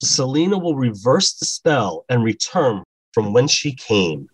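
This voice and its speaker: A man's voice: medium pitch, big pitch swings, measured pace, husky, low-quality recording. A man doing a showy stage magician. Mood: theatrical. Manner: theatrical announcing.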